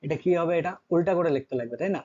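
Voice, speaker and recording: A man's voice: on the high side, rapid-fire, a little mellow, lo-fi sound. A man teaching an English grammar lesson, constantly checking with his students through short questions.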